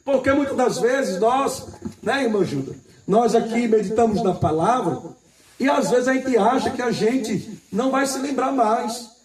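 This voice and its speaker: A man preaching a sermon, repeating his points, asking the congregation for an "Amém", and reading scripture slowly and with emphasis. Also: extremely high pitch, a little mellow, echoey room, recorded from a distance, poor audio.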